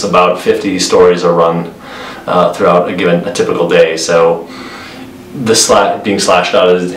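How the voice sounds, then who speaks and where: Low-voiced man in a roomy distant recording. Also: slight background noise. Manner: relaxed, many fillers and restarts. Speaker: web programmer guest. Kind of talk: conversational interview answers. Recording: roomy, distant mic with faint ambience.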